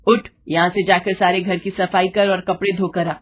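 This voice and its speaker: A woman voicing a harsh, scolding middle-aged mother-in-law who shouts and taunts her daughter-in-law, in a storybook reading. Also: lowish voice, level tone, moderate pace, natural voice. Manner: shouting, taunting, mock-sweet with guests.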